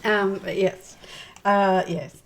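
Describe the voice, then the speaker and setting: A woman's voice: mid-range voice, steady tone, slow pace. A woman co-hosting a casual gaming podcast, telling stories in a chatty, laughing way. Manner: chatty storytelling with laughs and fillers. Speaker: podcast co-host.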